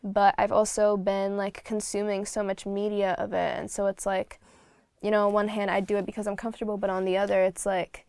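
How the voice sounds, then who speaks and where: Slovak woman, 20s, interview guest; smooth voice with some fry, frank and talkative. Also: mid-range voice, level tone, brisk, darkish tone, no room sound. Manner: blunt, chatty, many fillers. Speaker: guest singer. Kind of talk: casual interview chat.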